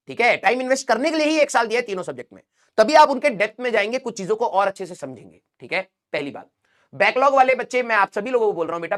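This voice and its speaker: A man's voice: high voice, a bit bright. Earnest male teacher giving student pep talk. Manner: earnest, addresses students as beta, frequent "theek hai?".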